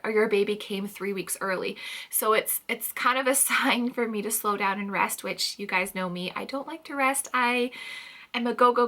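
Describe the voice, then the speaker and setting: A woman's voice: medium pitch, bright, forceful tone. A woman in her thirties from Canada, pregnant and audibly out of breath, chatting casually in a home vlog with lots of "um" fillers and light laughs. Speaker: vlogger.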